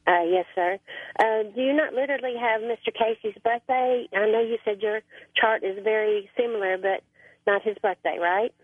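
A woman's voice: a little high, moderate pace, no room sound. A woman in her seventies with a cold, calling in to a radio show over a faint, tinny headset phone line, asking her question politely and hesitantly. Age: 70s. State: has a cold. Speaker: caller. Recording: muffled tinny phone call.

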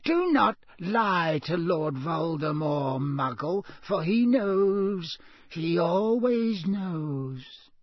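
A man voicing a cold, menacing, inhuman dark lord in an audiobook, with a breathy hissing voice and slow, imperious delivery. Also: a little high, big pitch swings, dry recording, clean studio sound, pitched above the performer's own voice, exaggerated voice. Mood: cold menace. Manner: slow, drawn-out, coolly imperious. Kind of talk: audiobook character voice.

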